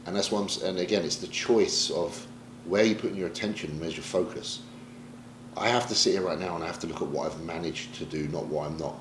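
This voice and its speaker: A man's voice: low voice, a little fast, noisy background. A man from Britain, a pro bodybuilder, talking candidly and emotionally in a sit-down interview, swearing casually as he reflects. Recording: roomy echo, faint ambience.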